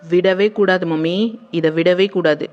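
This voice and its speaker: A woman's voice: lowish voice, steady tone, unhurried, close to an everyday voice. An actress playing a bitter, vengeful young woman who was jilted, speaking in a tearful then seething TV serial manner. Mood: resentful. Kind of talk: TV serial acting. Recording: muffled lo-fi sound.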